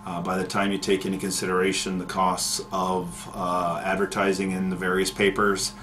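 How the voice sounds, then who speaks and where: A middle-aged man, a county economic development manager answering interview questions in a measured way, with many fillers and restarts. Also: low-pitched, completely flat delivery, over music.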